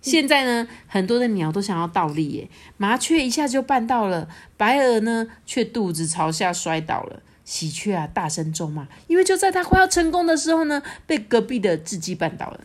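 A woman reading a picture book aloud to her child, lively and asking the child questions. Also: on the high side, normal speed, few pauses.

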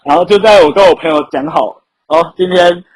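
A man's voice: sits high, a little fast, rough recording. A young adult man with a Taiwanese accent telling stories casually as a podcast guest, often with a chuckle. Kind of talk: casual anecdotal storytelling. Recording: rough amateur podcast audio.

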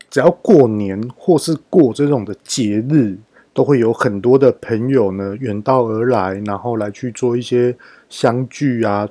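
A man's voice: mid-range voice, mellow, no echo. A married man hosting a podcast, telling a self-mocking story in a chatty way. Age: adult, married. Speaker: podcast host. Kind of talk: casual storytelling monologue.

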